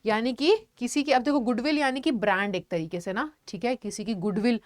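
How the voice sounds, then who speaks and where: A young woman teaches a vocabulary class in a patient, encouraging tone, often checking that her students follow. Her voice sits fairly high. The recording is dry and close, with no room sound. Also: brisk, no room sound. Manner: explains patiently, addresses students as "beta", frequent "theek hai" check-ins. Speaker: online teacher.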